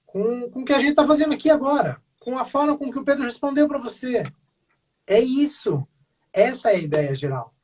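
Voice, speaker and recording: A man's voice: very high-pitched, breathy edge, recorded from a distance. A man on a video call panel, speaking earnestly and rambling with many fillers and restarts. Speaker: mediation facilitator. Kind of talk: casual online panel talk.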